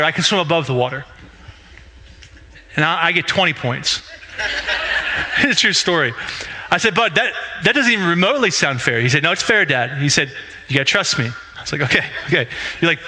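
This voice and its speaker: A man's voice: fairly high pitch, a little fast, poor audio. A man in his thirties, a pastor preaching a sermon in a church and acting out the dialogue in his stories. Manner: animated storyteller who acts out dialogue. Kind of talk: sermon with storytelling. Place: church sanctuary.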